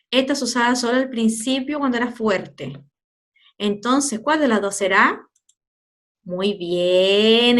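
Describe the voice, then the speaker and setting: A woman teacher giving a recorded lesson to young children, stretching out sounds slowly and playfully. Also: fairly high pitch, fairly bright tone. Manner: slow, drawn-out pronunciation of sounds, playful.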